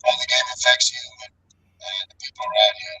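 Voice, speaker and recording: A man's voice: medium pitch, wildly swooping pitch, brisk, bright, forceful tone, breathy edge, no echo, faint music behind. A man talking casually as a guest over a remote call, his voice distorted into a glitchy, metallic robotic sound. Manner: easygoing, says "man" often. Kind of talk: casual chat. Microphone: remote call microphone.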